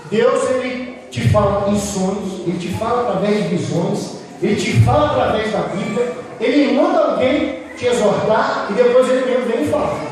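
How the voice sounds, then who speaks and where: A man preaches with passion and keeps asking his listeners rhetorical questions. His voice sits high for a man. It rings through a big echoing church hall, picked up from a distance with a faint hiss behind it. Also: darkish tone. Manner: impassioned, rhetorical questions to the congregation. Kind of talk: sermon. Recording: echoey hall, distant mic, faint noise.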